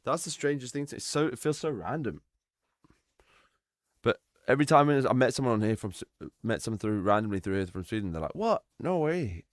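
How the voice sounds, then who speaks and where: A man's voice: mid-range voice, brisk, no room sound, clean studio sound. A young man chatting casually with his live-stream viewers, easygoing and talkative, calling out names from chat. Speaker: livestreamer.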